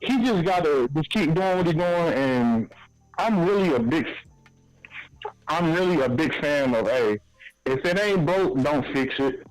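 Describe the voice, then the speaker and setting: A man's voice: on the high side, expressive, unhurried, low-quality recording. A man calling into a sports show, laid-back and casual, full of folksy sayings. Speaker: caller. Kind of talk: casual sports call-in talk. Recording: phone-in call with music behind.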